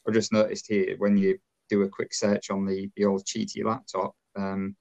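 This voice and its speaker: A man with a Yorkshire accent chats about games on a podcast in a rather low voice. He rambles with plenty of fillers and laughs easily. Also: completely flat delivery, vocal fry, darkish tone, poor audio. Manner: rambling, chatty, quick to laugh. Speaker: podcast co-host. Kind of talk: casual podcast chat.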